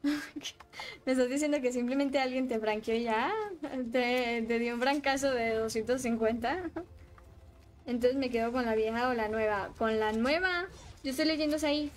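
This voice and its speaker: A woman streaming a game, chatting casually with her viewers and getting excitable as she plays. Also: a little high, normal speed. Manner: excitable, shrieks and laughs while playing, chats with viewers. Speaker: livestreaming gamer. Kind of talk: casual gaming livestream chat.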